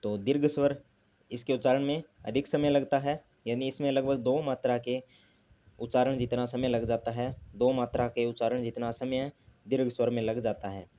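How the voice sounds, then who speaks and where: A man's voice: medium pitch, fairly even intonation, moderate pace, dark tone, highs cut off. A man teaching a grammar lesson, asking himself questions and repeating the key terms. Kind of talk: classroom lesson explanation.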